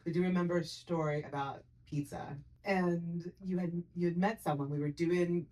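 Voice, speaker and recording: A woman hosting a casual podcast chat, playful and quick to laugh as she tells stories. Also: fairly low pitch. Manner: playful, laughing, animated when telling stories. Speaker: podcast host.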